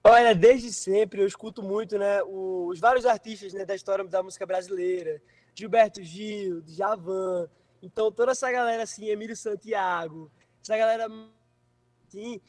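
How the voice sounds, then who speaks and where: A high-voiced man chats about his music in a loose, rambling way. His voice reaches the show over a video call that keeps breaking up and cutting out. The call sound is distant, with a long, hollow reverb around it. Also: moderate pace. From Recife, Brazil. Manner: relaxed, rambling, repeats himself. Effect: video call audio breaking up and cutting out. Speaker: singer guest.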